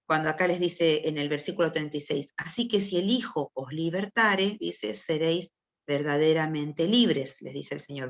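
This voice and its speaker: A woman's voice: deep voice, creaky. A woman with a Rioplatense Spanish accent, teaching a youth group from the Bible in a chatty way, often asking her listeners questions and acting out people's excuses. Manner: conversational, asks listeners questions, acts out excuses.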